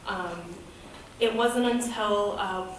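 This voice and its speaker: A woman's voice: medium pitch, slow, far from the mic, slight background noise. A woman in her thirties from the United States, giving a candid, conversational personal talk as a guest presenter at a podium. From United States, grew up in Boston. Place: event hall, speaking at a podium. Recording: very echoey hall.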